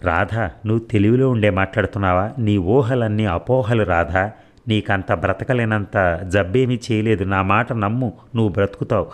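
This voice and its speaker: A man's voice: on the low side, normal speed, close to an everyday voice. A man playing an anxious young husband who earnestly coaxes and reassures his sick wife. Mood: pleading.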